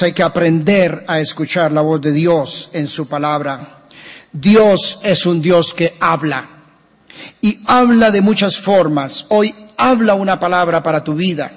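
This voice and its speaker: Animated Colombian pastor in a reverberant church. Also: male voice, a little high. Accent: Colombian Spanish. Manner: animated preaching with humorous anecdotes. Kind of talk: sermon.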